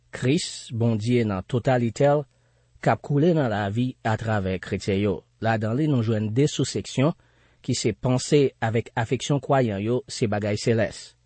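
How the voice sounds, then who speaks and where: A man who is a pastor, teaching a radio Bible study and praying, deliberately repeating his key phrases for emphasis. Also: on the low side, darkish tone, husky, no echo.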